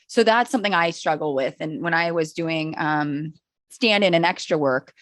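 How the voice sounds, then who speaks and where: A woman on the lower side of the female range chats as a guest, animated and playful with quick jokes and restarts. The sound is close and dry, with no room around it. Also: no echo. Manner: animated, joking, lots of restarts and fillers. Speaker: podcast guest. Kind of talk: casual conversation.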